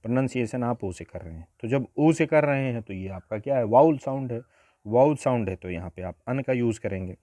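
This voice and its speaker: A man's voice: medium pitch, animated, brisk, hardly any pauses, warm tone, no room sound. A man teaching an exam-prep grammar lesson, explaining step by step and often asking rhetorical questions.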